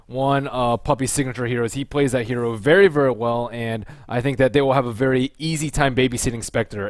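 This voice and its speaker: A man co-casting a live esports match, breaking down strategy in a measured, analytical way. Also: mid-range voice, dry recording. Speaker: esports co-caster.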